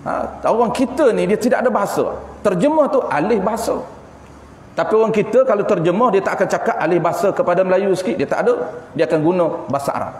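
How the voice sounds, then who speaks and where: A man's voice: high-pitched, fast talker. A man with a Malaysian Malay accent teaching a religious class, explaining terms patiently and asking and answering his own questions. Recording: echoey hall with faint background noise.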